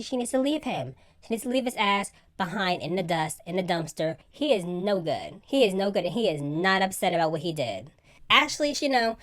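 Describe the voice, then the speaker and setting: A woman giving casual, sassy commentary on a reality show, gossipy and animated with lots of slang. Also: medium pitch, no room sound. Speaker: reality TV recap vlogger.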